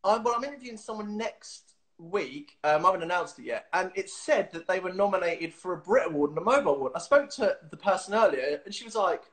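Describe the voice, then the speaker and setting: A man in his thirties hosts a casual video-call interview from a small room at home, picked up by his webcam. His voice sits high and animated with a fairly bright tone, and he talks fast with few pauses. He's chatty and giggly, full of fillers and restarts.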